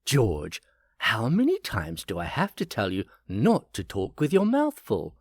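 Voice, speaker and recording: A woman's voice: rumbling low, wildly swooping pitch, a little slow, a little mellow, husky, no room sound, heavily acted. A man voicing a firm mother who scolds her sons in a storybook reading. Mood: stern. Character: stern mother of two boys.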